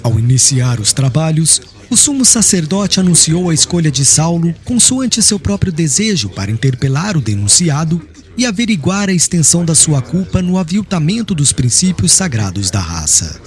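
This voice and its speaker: A man narrates an audiobook in a solemn, formal, dramatic literary style with measured phrasing. His voice is a little high with big swings in pitch, and a clear music bed plays beneath him.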